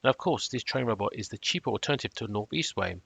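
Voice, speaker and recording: A man narrating a scripted review in a measured, matter-of-fact, cautionary way. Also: lowish voice, animated, vocal fry, fairly bright tone, slightly rough, no room sound. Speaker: trading robot reviewer.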